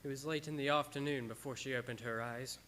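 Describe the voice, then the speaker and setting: An actor playing an earnest, devoted doctor in a radio drama, who narrates and speaks in a solemn, dramatic way. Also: male voice, mid-range voice, fairly even intonation, fast talker, fairly bright tone, a little hiss or hum, lightly acted. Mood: solemn, haunted. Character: earnest, devoted, anguished male doctor narrating his journal.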